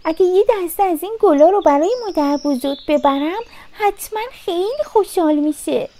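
A woman voicing a sweet, innocent little girl in a storybook reading, speaking in a high, sweet, wide-eyed manner. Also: dark tone. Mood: delighted.

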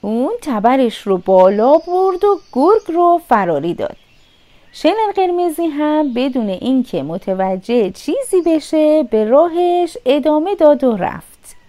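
A woman narrating a children's fairy tale with expressive, sing-song storytelling. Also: sits high.

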